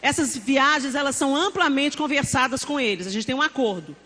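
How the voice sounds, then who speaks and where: A middle-aged woman with a Brazilian accent preaching a sermon, telling family stories with animated acted-out dialogue. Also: sits high, a little fast. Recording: long hall reverb, faint background noise.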